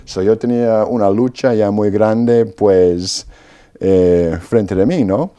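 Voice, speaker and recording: Low mellow-voiced man telling his story. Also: slow, clean tone. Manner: storytelling with frequent "¿no?" tags and restarts. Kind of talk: personal testimony in an interview.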